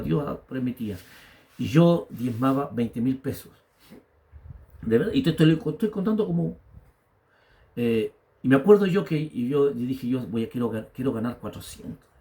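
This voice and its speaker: Chilean male pastor, fifties, dark mellow tone; testimony-driven sermon that builds to emphatic calls. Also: medium pitch, expressive, moderate pace, pauses often. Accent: Chilean Spanish. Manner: storytelling preacher, rising to emphatic exhortation.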